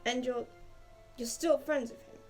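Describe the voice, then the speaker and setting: A woman's voice: high voice, fairly even intonation, a little slow, a little mellow, faint music behind. A woman voicing a smug, sneering schoolboy in her own story, taunting and superior.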